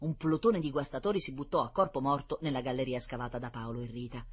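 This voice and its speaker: Animated children's storyteller, slightly husky tone. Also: medium pitch, fast talker. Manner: animated, with playful asides.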